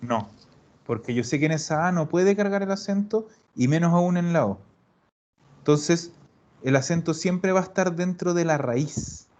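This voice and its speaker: With a slightly high, darkish voice at normal speed, this Italian teacher patiently explains things in an online language class. He repeats points and often asks "¿ya?" to make sure students understand. The recording sounds muffled.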